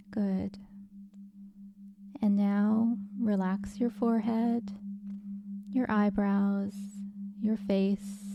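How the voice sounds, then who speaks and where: A woman leading a guided hypnosis relaxation in a soothing, unhurried, gentle instructing manner. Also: mid-range voice, lo-fi sound, slight background noise.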